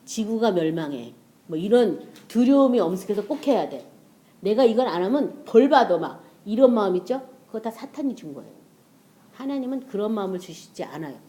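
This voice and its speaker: A woman's voice: medium pitch, lively intonation, a little fast, warm tone. A woman preacher giving a casual, conversational sermon and acting out prayers and inner voices.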